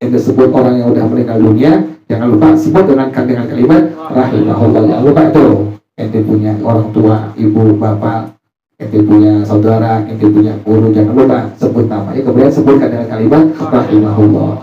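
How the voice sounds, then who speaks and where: Joking preacher in an echoey hall. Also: male voice, fairly low pitch, steady tone, brisk. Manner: jokey, asks the audience questions and answers himself. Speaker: religious teacher. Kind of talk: informal religious study sermon. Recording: roomy, distant, muffled, faint music.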